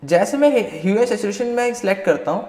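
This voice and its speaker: A man's voice: high-pitched, lively intonation, fast, darkish tone. A man teaching a live online class. He mixes Hindi and English and keeps checking in with "right?". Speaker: Photoshop instructor. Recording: roomy echoey long reverb.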